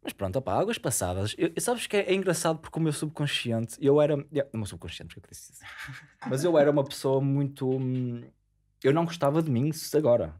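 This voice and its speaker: A young man tells a story on a casual podcast, his words tumbling out at a rapid clip. He drops slang and laughs often as he goes. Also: mid-range voice, lively intonation, dark tone. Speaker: podcast co-host.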